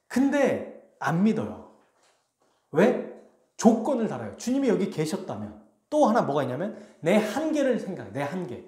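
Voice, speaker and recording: Man preaching, high voice for a man, lively swooping delivery, acts out characters, echoing church room. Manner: animated, acts out the biblical characters' lines; speaks directly to the congregation. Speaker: pastor. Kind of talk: sermon. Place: church sanctuary. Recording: echoey church sanctuary.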